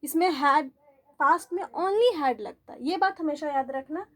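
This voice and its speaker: A woman teaching English grammar in a classroom-style lesson, explaining slowly, repeating examples and asking her students whether they follow. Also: high-pitched.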